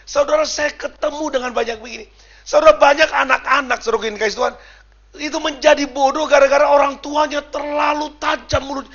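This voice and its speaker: A male preacher from Sumatra, animated, shouting for emphasis and acting out what people say. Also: extremely high pitch, a little fast, highs cut off. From Sumatra, Indonesia. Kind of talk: sermon.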